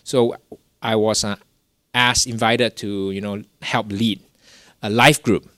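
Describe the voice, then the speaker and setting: A man's voice: lowish voice, fairly even intonation, takes it slowly, a bit bright, no room sound, clean studio sound. A young man from Singapore, telling a personal story in a rambling way, full of fillers and restarts. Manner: rambling, many "you know" fillers and restarts. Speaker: guest telling his story. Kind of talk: casual testimony.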